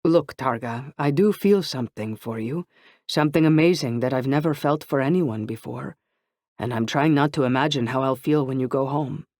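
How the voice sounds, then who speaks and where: A man reading an audiobook, voicing an earnest young man who speaks softly and slowly. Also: mid-range voice, dry recording, studio quality, close to an everyday voice. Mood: tender. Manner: soft-spoken and slow. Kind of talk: audiobook character voice.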